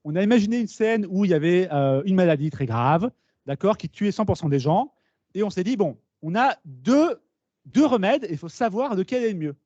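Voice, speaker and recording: Guy giving a talk, lots of asides and questions to the room, highish voice, dull lo-fi meeting recording. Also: moderate pace, no room sound. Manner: lively, explains with asides and questions to the audience. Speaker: speaker at a talk. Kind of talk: conference talk to students.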